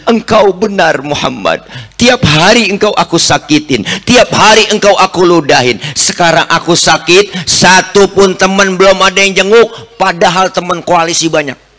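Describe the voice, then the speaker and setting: A man's voice: sits high, moderate pace, fairly bright tone, soft background music, pitched above the performer's own voice. A man preacher voicing a sick middle-aged man who confesses in a pleading, emotional voice. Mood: remorseful pleading.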